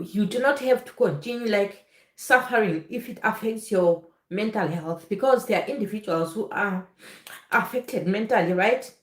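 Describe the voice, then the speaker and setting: A woman talks straight to her viewers in a personal, earnest vlog, often pausing to ask if they understand. Her voice sits in a middling range. The recording has a noticeable roomy echo. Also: medium pitch. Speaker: nurse vlogger. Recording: echoey room.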